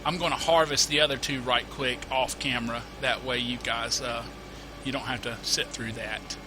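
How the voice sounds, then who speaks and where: This gameplay tutorial host talks at normal speed with a medium, mid-range pitch, casually narrating a farming game let's-play. He has a cold and sniffles occasionally, rambles, restarts, and uses lots of "uh" fillers, while a constant hiss runs through his home desk microphone.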